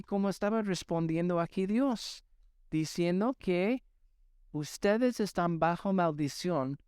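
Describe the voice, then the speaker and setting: Slow, emphatic preaching man. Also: sits high, darkish tone, smooth, no room sound, studio quality. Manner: emphatic, keeps asking the audience to respond. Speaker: pastor. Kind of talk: preaching a sermon to a congregation. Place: church service with live congregation.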